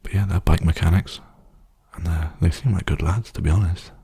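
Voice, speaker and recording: A man speaking in a soft, hushed ASMR style, often slipping into a whisper as he rambles casually and gently. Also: sits low, steady tone, a little fast, vocal fry, husky. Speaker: ASMR video host. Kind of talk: softly spoken ASMR rambling.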